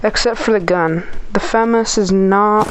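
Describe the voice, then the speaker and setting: A woman's voice: medium pitch, a little slow, a little hiss or hum. A woman giving casual, hesitant gameplay commentary, rambling and trailing off, with audible heavy breathing between phrases. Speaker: gamer, first-time video creator.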